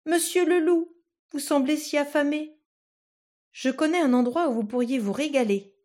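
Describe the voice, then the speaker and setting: A woman's voice: normal speed, a little mellow, natural voice. Woman doing a tiny piping thumb-sized boy. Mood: coaxing. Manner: high cheeky piping cries. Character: tiny bold boy no bigger than a thumb.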